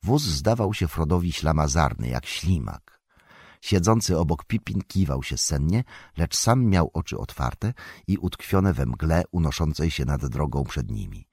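A male narrator reads a fantasy story aloud in a measured, expressive way. His voice sits very low and a little husky, yet it moves widely in pitch. The sound is close and dry, with no room around it. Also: no echo. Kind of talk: audiobook narration.

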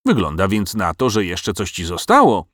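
A man's voice: sits low, huge pitch swings, moderate pace, fairly bright tone, no room sound, clean studio sound, full character voice. A man reading a storybook and voicing a shrewd, bossy old farmer who drives a hard bargain. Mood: dry.

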